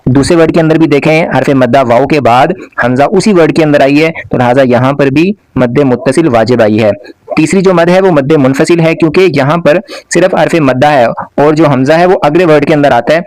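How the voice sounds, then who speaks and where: A man's voice: mid-range voice, a little mellow, no echo, poor audio. Patient man teaching recitation rules. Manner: patient, explanatory, addresses viewer directly. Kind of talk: short tutorial lesson.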